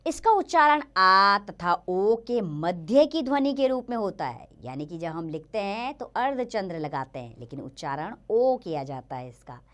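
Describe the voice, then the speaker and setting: Lively-voiced woman teaching children. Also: medium pitch. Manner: clear, patient explaining, drawn-out example words. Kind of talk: children's grammar lesson.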